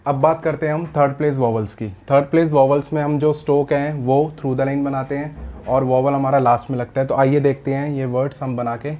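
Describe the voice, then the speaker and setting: A man's voice: medium pitch, steady tone, a little fast, dark tone, muffled recording. A man teaching a shorthand lesson in mixed with English terms. He explains step by step and often checks that the students understood. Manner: explains patiently, often asks "samajh aaya?".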